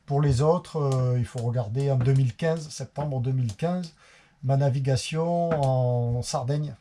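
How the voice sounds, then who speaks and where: Warm-voiced Marseille man chatting. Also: mid-range voice, measured pace, a little hiss or hum. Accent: Marseille French. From Marseille, France. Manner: chatty, meandering, plain-spoken. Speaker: sailing vlogger. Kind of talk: casual talk to camera.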